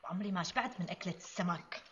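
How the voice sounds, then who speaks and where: A woman's voice: fairly low pitch, racing, fairly bright tone, dull audio, natural voice. An actress in a Syrian TV drama playing a busy young mother who fusses over feeding her children, with a Damascene accent. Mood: brisk.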